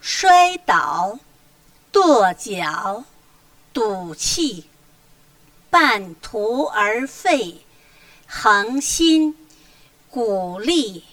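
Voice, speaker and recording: A woman reading a textbook lesson and its vocabulary list aloud with careful, expressive recitation. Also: fairly high pitch, extremely slow, long pauses, no echo. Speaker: textbook reader.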